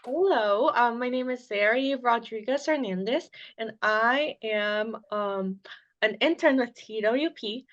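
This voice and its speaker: A young woman from Venezuela speaks as an interview guest. She answers hesitantly, pausing often on filler words. Her voice sits a little high, and the recording sounds dull and lo-fi. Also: fairly bright tone. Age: young adult.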